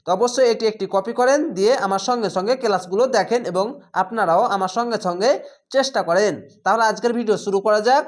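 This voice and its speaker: Patient male Quran reading teacher. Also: high voice. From Bangladesh. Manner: patient, spells each letter and vowel before blending the word; drawn-out chanting on Arabic words. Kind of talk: slow spelled-out Quran reading lesson.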